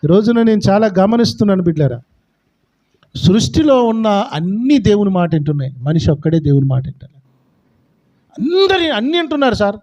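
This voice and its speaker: Male pastor, strikingly high pitch, fervent preaching delivery. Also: very animated, brisk, pauses often, warm tone, lo-fi sound. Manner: fervent, calls out to the congregation. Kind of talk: sermon.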